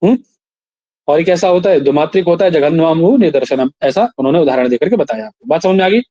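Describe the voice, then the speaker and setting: Teacher guy, chants verses slow then explains, keeps asking if students got it, dull lo-fi sound. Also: fairly high pitch, warm tone, no echo. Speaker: Sanskrit teacher. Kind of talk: classroom lecture.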